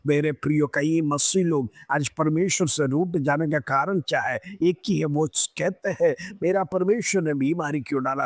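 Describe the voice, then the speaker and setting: A man's voice: fairly high pitch, dry recording, studio quality. A man preaching a devotional morning sermon, fervent and exhorting, often breaking into hallelujahs.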